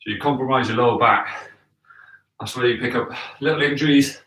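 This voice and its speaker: A man's voice: mid-range voice, brisk, a bit bright. A man in his thirties giving casual, encouraging workout instruction, often checking in, recorded in a living room from a few metres away. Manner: encouraging, checks in with "okay?" and "all right?". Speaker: fitness coach leading a home workout. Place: living room with wooden floor, indoors. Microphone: camera a few metres away. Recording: echoey room, distant from the mic.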